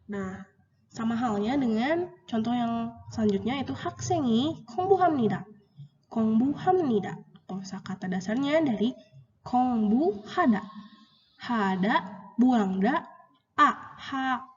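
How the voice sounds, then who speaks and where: Lady teacher going over korean grammar, repeats words slow, lo-fi muffled sound. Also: animated. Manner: slow, drawn-out repetition of example words, rising pitch on questions. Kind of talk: grammar lesson explaining example sentences. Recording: dull, roomy lo-fi recording with long reverb.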